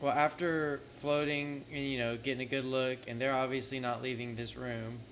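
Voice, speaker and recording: A man's voice: mid-range voice, level tone, moderate pace, a bit bright, a little hiss or hum. A man casually playing a tabletop game, easygoing and joking. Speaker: player.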